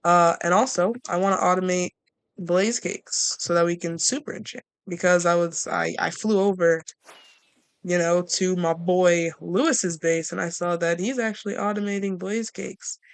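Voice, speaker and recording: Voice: mid-range voice, fairly even intonation, normal speed, clean tone, no room sound. Rambling chatty gameplay commentator. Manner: rambling, chatty, often restarting sentences; playful, jokes with viewers. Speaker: gameplay video creator.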